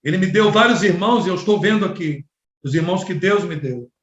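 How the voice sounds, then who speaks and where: Man, pastor, Rio de Janeiro accent, high voice, animated storytelling sermon, roomy slightly muffled church recording. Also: a little fast. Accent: Rio de Janeiro Portuguese. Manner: animated, voices quoted people. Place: church hall. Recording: echoey church, slightly dull sound.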